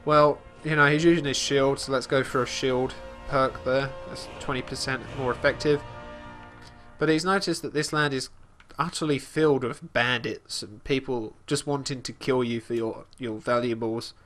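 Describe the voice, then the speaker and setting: A man casually commenting on his gameplay as host, talking about his character in third person with halting restarts and fillers. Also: mid-range voice, fairly even intonation, fairly bright tone, faint music behind. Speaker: let's play host.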